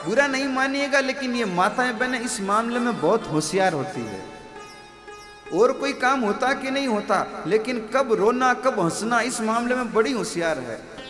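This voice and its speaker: A male preacher narrating a devotional story in a lively sermon, with asides to the audience. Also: very high-pitched, normal speed. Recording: reverberant hall with music behind.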